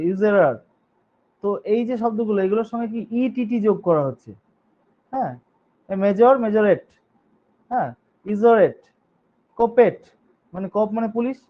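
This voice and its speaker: A male teacher giving a grammar lesson. He spells words out letter by letter, reads each rule in English, explains it, and keeps checking in with his students. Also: high voice. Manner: reads rules in English, then explains them in Bengali. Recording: dull lo-fi recording.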